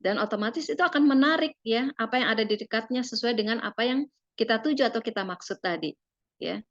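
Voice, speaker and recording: A woman leads a parenting seminar from her slides. She talks to parents in a gentle, persuasive way and fills her sentences with small spoken tags. The recording sounds dull and lo-fi, with a dry, close tone and no room echo. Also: on the high side, fast. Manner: filler-laden, tags phrases with "gitu ya".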